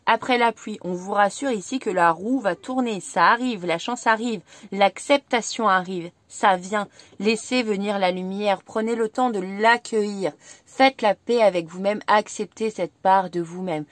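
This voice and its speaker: Tarot reader, a French woman, gentle and reassuring, medium voice, dry recording. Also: medium pitch, unhurried, dry recording. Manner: gentle, reassuring, repeats herself. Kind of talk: tarot reading video.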